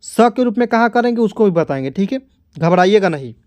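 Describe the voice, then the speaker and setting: A man's voice: sits high, lively intonation, a little fast, a little mellow, dry recording. A man teaching beginners to read English words, spelling them letter by letter and quizzing the listener over and over. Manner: repetitive, quizzing with "kya padhenge?" and "theek hai". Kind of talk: phonics lesson for beginners.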